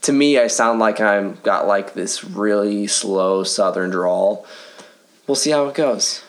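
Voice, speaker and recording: A man co-hosting a faith podcast in casual chat, talking quickly and laughing often, recorded in a living room full of pillows. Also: lowish voice. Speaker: podcast co-host.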